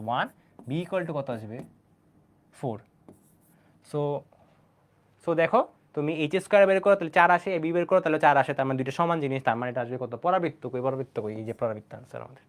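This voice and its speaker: A young man teaching math in an online lecture, chatty and asking his students questions as he goes. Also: on the high side. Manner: chatty, talks straight to students, asks them questions. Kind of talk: online exam-prep lecture.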